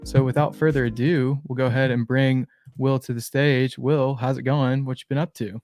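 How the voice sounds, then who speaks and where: A young man hosting a casual podcast, talking in a relaxed way with lots of fillers. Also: mid-range voice, moderate pace, no room sound, faint music behind. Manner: relaxed, filler-heavy, friendly. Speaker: podcast host.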